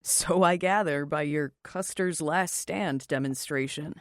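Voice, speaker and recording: A woman reading an audiobook, voicing an amused, nonchalant male stranger in a teasing, low-key way. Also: unhurried, dry recording, studio quality. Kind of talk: audiobook character voice.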